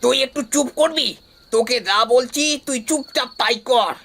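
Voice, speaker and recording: A woman voicing a scheming, bossy young village man in a cartoon, speaking in a lively way. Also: high-pitched, moderate pace, gravelly, full character voice.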